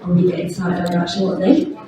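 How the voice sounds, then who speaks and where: A woman with a lowish voice briskly runs a bingo game, announcing to players live in a large indoor holiday park venue. The hall's PA sounds distant and echoey, with music running in the background.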